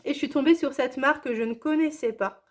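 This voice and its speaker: Woman, high voice, casual unboxing chat, enthusiastic, gushing, repeats her praise. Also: fast. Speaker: scrapbooking vlogger.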